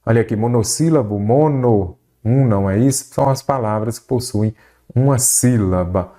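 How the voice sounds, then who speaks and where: A man's voice: mid-range voice, normal speed, warm tone. A Brazilian man teaching an exam-prep grammar lesson, explaining step by step and often checking in with the student. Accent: Brazilian Portuguese. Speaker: Portuguese teacher.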